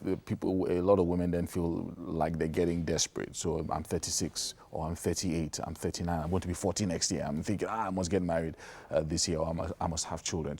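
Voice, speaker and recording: A man's voice: low-pitched, darkish tone, a little hiss or hum. A man hosting a morning TV show, asking probing questions and thinking aloud with restarts. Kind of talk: TV studio interview.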